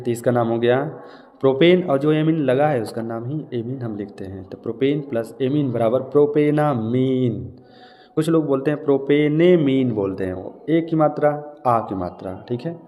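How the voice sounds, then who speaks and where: A male chemistry teacher lecturing at an ordinary pitch, his voice mellow and dark. He explains each step and keeps checking that students follow. The recording has a long reverb and faint room noise behind it. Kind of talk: classroom lecture.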